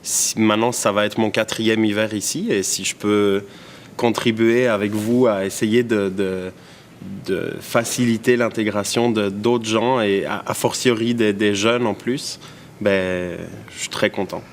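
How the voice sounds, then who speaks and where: Guy talking slow n hesitant, lots of ums, faint room noise behind. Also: fairly low pitch, steady tone. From immigrant, not from Quebec. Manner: hesitant, many fillers and restarts. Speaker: team member on a volunteer show. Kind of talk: casual chat.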